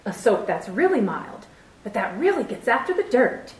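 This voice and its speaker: A woman's voice: fairly high pitch, big pitch swings, normal speed, distant mic. A woman playing an eager, wholesome housewife in a 1940s-style radio soap commercial. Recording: echoey room, voice off-mic.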